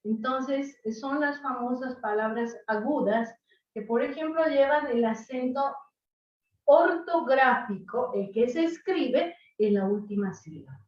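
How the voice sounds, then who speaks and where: A woman teaches a class in a fairly high voice, explaining step by step and checking in with her listeners. The sound is echoey and comes from some distance off the mic. The recording is dull and lo-fi. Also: unhurried, a little mellow. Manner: explanatory, asks "¿no?" and "¿sí?" often. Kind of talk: online class lecture.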